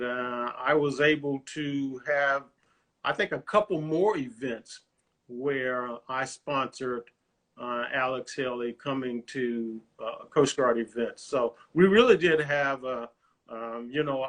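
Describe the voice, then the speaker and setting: An older man from the US, a retired officer, recalling his career in a measured, proud way during a family chat. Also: medium pitch, a bit bright. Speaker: guest, retired Coast Guard officer.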